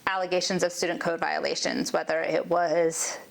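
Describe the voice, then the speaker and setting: A woman's voice: fairly low pitch, fairly even intonation, normal speed, vocal fry, a little hiss or hum. Friendly, laughing woman judge. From Maryland, USA. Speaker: judge, interview guest. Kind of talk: casual interview conversation.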